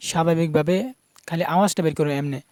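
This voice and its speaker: A man teaches pronunciation, repeating each sound slowly and patiently. His voice is smooth and a little high, with little rise and fall. The recording is close and dry. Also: fairly even intonation, a little mellow, dry recording. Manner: patient, repeats each Arabic letter sound many times. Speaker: Quran recitation teacher. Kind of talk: pronunciation lesson.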